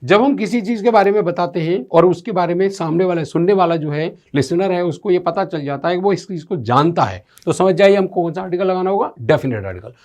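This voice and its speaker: A man's voice: high-pitched, a little fast, hardly any pauses, a little mellow. A man explaining English grammar step by step as a teacher, often asking rhetorical questions and reading out English sentences. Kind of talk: classroom-style grammar lesson.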